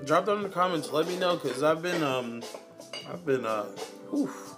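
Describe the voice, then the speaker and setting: A man's voice: on the high side, animated, moderate pace. A man co-hosting a casual podcast, slangy and playful, laughing often as he talks. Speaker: podcast co-host. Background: music playing.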